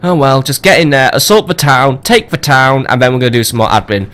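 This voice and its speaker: A man's voice: medium pitch, fairly quick, a bit bright. A man casually commentating on his strategy game as a let's play host, rambling with joking, swearing asides.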